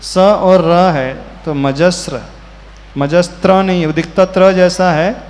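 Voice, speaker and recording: A man, a Jain monk, teaching a scripture class, who patiently corrects pronunciation and chants verses in a drawn-out tune. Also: sits high, fairly even intonation, darkish tone. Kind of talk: slow sermon-style class with chanted verses. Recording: hall reverb with faint ambient noise.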